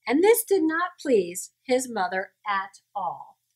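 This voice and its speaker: A woman storyteller reading a picture book aloud to young children in a playful, exaggerated manner, pausing to put questions to her listeners. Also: on the high side, big pitch swings.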